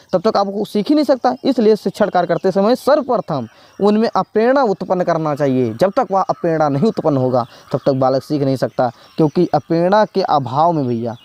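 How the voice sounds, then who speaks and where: A man's voice: fairly high pitch, a little mellow. Man teaching, repeating and quizzing himself. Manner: repetitive, asks and answers own questions, says "bhaiya". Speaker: exam prep teacher. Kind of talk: spoken exam lesson.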